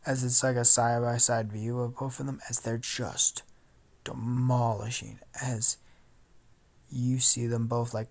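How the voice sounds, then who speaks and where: Sleepy young guy rambling through a fan story, slow and creaky. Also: medium pitch. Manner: rambling, full of fillers and restarts. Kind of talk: casual fan-fiction narration.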